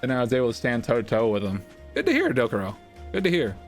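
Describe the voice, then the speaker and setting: A man who works as a streamer and voice actor, chatting excitably to viewers on a livestream and often repeating his phrases. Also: medium pitch, quick pace, soft background music.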